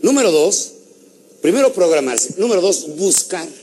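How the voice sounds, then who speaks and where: Animated man giving a seminar talk. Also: high-pitched, normal speed, slight background noise. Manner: animated, asks the audience questions, acts out stories. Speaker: motivational speaker. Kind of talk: lively seminar talk to an audience.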